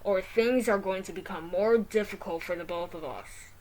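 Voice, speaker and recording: A woman voicing a menacing mall security robot that speaks slowly and formally. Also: medium pitch, darkish tone, a little hiss or hum, lightly acted, low-quality recording. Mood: cold warning. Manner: slow, stiff, polite but threatening.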